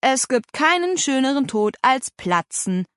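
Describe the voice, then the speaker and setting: A teasing teenage brother with a cheeky manner, as a woman voices him. His lines sit somewhat high and lively. The recording is dry and close. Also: normal speed, no echo, lightly acted. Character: joking teenage boy, long-legged older brother.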